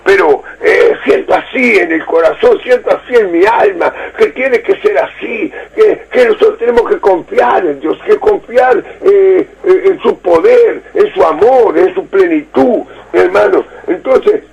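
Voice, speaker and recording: A man's voice: sits high, expressive, a little slow, gravelly, a little mellow, lo-fi sound. A man with a Uruguayan Spanish accent preaching fervently on a radio program while he has the flu. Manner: fervent, emotional, breaks into song. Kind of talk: radio sermon.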